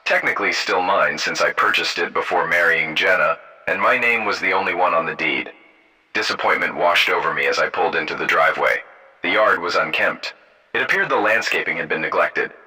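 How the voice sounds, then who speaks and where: A man narrating a first-person story in a steady, measured way. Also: sits low, rough recording.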